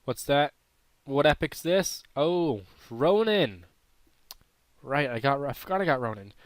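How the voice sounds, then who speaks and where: A man's voice: medium pitch, expressive, a little slow, dry recording. A man with a throat irritation giving casual, unsure, self-correcting commentary while playing a mobile game. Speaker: gaming channel host.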